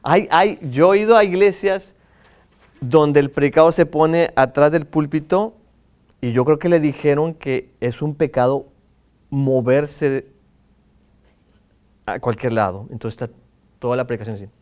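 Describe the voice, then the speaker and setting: Mexican guy teaching how to preach, kinda high voice, super animated, acts stuff out and keeps changing his tone. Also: measured pace, pauses often. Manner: animated, acts out examples with shifting tone and pace. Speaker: preaching instructor. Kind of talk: lively homiletics lesson.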